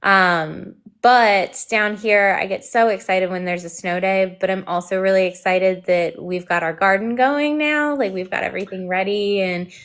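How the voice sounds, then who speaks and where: A woman's voice: mid-range voice, normal speed, few pauses, a bit bright, smooth. A woman co-hosting a live stream on education advocacy, chatting in an easygoing, rambling way. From lives in Georgia. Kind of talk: casual chat.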